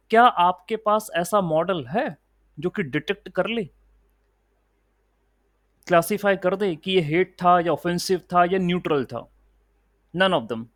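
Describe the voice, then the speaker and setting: A man's voice: high-pitched, slow pace, long pauses, a bit bright, no room sound. A man teaching a recorded coding tutorial, explaining step by step and checking in often with a short "okay" or "right". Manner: explains step by step, mixing Hindi and English. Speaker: instructor.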